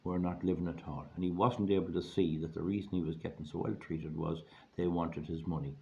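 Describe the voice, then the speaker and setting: Irish man, hoarse, very low mellow voice, folksy rambling advice, plain-spoken. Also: level tone, brisk. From Ireland. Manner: plain-spoken, folksy, repeats phrases for emphasis. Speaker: online video host giving money advice. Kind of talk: informal rambling monologue. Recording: dull lo-fi audio, faint background noise.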